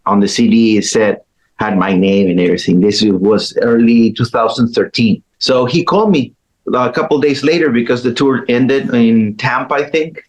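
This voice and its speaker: Telling his life story as an interview guest, a middle-aged Chilean man who plays guitar keeps things easygoing, stopping and restarting now and then. His pitch is medium, and the audio is rough.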